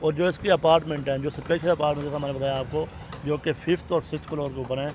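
Pakistani Urdu-accented male property agent, raised pitch, methodical and businesslike, outdoor lapel sound with faint traffic. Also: fast talker. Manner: steady, detailed, businesslike. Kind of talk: explaining details to an interviewer.

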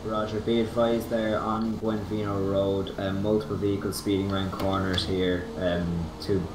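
A man's voice: deep voice, flat delivery, normal speed. A man giving terse patrol reports in radio call-sign style, heard over a police radio. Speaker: patrol officer in a police roleplay. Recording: echoey and noisy radio feed.

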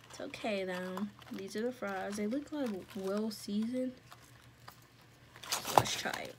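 A woman films a casual mukbang, chatting away between bites and often talking with her mouth full. Her voice sits at a plain middle pitch. A fan hums faintly in the background. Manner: chatty, talks while eating with mouth full. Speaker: food vlogger. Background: faint fan hum.

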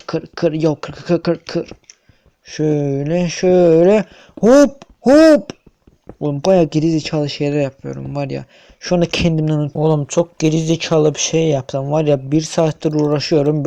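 A man's voice: on the high side, mellow. A young man giving casual, chatty commentary over his own gameplay, swearing, stammering and humming to himself. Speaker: gaming youtuber.

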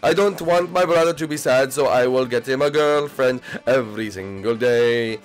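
A performer voicing Mario, an eager, bossy male plumber hero and big brother who gets excitable and loud. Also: mid-range voice, moderate pace, soft background music, lightly acted. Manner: excitable and bossy, shouting "woohoo". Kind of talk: comedic puppet-style skit acting.

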